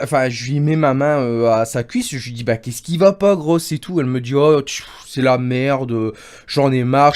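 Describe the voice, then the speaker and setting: A man in a livestream chat, rambling through a story he tells to a friend in a loose, easygoing way. He leans on the same filler words again and again, and his pitch sits at an everyday middle level. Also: a little mellow. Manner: rambling, keeps repeating "en gros" and "et tout". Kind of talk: casual storytelling to a friend on stream.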